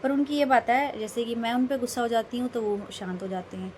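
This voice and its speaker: A woman's voice: on the high side, fairly even intonation, fairly quick, darkish tone, slight background noise. A young woman vlogging casually, telling a rambling, emphatic story about her day. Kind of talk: casual vlog monologue.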